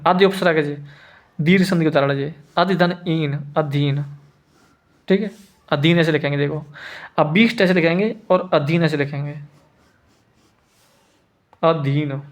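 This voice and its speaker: Male teacher, a little high-pitched, patient and repetitive, drilling spelling rules. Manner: repeats each word slowly, asks students if they follow. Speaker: Hindi teacher. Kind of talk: spelling lesson.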